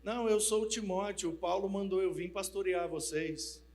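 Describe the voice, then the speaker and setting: A man's voice: high-pitched, moderate pace, a little mellow. A man preacher voicing a young, timid male pastor who has just been sent to lead a church, earnest and a little meek. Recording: reverberant church hall.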